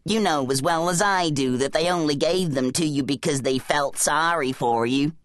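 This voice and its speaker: A man voicing a smug, taunting talking bum in a children's audiobook, drawling his mockery slowly. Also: on the high side, a bit bright, no room sound, clean studio sound, lightly acted. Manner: sneering, drawn-out mockery. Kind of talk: audiobook character voice.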